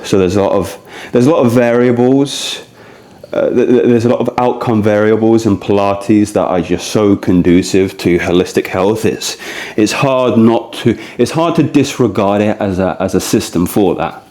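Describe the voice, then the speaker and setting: Addressing viewers directly, this man in his early thirties gives loose, rambling commentary while running a core routine as a fitness vlogger. His lowish voice is warm and moves at a normal speed.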